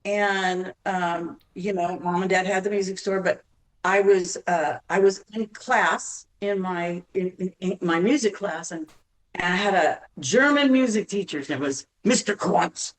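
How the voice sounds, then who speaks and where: A woman's voice: lowish voice, distant mic, poor audio. Woman singer telling stories with restarts. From Arizona. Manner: halting, many restarts, laughs while telling. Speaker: guest singer. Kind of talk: podcast interview storytelling.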